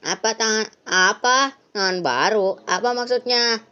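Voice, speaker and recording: A woman doing a shrill, angry young boy. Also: unhurried, clear, resonant tone. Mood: panicked. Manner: shouty, accusing. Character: angry, suspicious young boy who lost a leg. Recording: lo-fi, dull sound.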